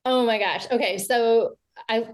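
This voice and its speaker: This older woman sits slightly high in her register as she speaks as a guest on a video-call podcast. Her manner is earnest and reflective. She often circles back and restarts her sentences as she searches for the right words. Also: measured pace. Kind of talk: casual podcast interview.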